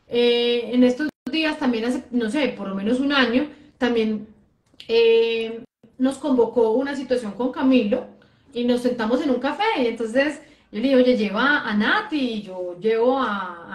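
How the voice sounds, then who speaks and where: Woman host, high voice, anecdotal chat, roomy echoey sound. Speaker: host, life coach. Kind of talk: casual chat.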